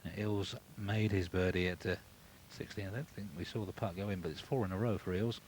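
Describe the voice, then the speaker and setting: A man giving live golf commentary in an understated, measured, conversational way over outdoor course ambience. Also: deep voice, steady tone, darkish tone. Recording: broadcast with clear background noise.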